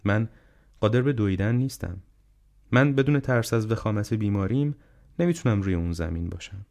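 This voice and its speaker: A man voicing a gentle, wise, ailing old male professor in an audiobook, speaking calmly and reflectively. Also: fairly low pitch, vocal fry. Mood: earnest. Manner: calm, reflective, unhurried counsel. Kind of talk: audiobook character reading.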